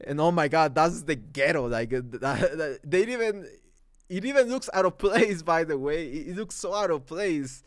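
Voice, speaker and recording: A man's voice: on the high side, lively intonation, normal speed, dry recording, clean studio sound. A man from Mexico with a Mexican accent, hosting an exasperated comedic movie rant with laughter. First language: Spanish. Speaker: comedy commentary host.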